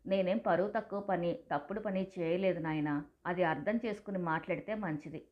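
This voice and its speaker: A woman's voice: lowish voice, brisk, dull audio, lightly acted. A woman voicing an older mother who speaks firmly and sternly. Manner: firm, stern. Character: older mother, firm and dignified.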